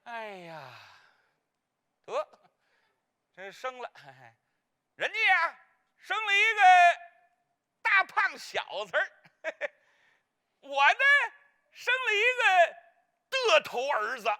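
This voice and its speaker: A flustered, gossipy older woman from a comic Peking opera scene, telling her family troubles straight to the audience. The voice sits high and bright, lurching up and down with huge swings. She talks slowly and keeps muddling names, then fussily correcting herself. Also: wildly swooping pitch, full character voice. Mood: comic gossip. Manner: gossipy storyteller addressing the audience.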